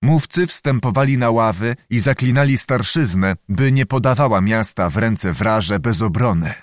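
A man's voice: lowish voice, expressive, normal speed, no room sound, studio quality. Solemn male audiobook narrator. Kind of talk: scripted narration of a historical novel.

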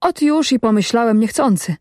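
A woman's voice: on the high side, animated, normal speed, darkish tone, no echo, studio quality, pitched above the performer's own voice, close to an everyday voice. A woman voicing a wary, stubborn peasant man who gives evasive, guarded replies in a storybook reading.

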